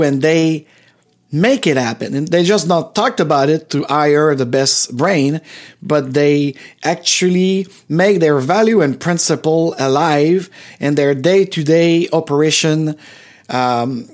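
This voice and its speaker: Higher-pitched man, podcasting. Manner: rambling, repeats phrases for emphasis. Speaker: podcast host and coach. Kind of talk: casual livestream monologue.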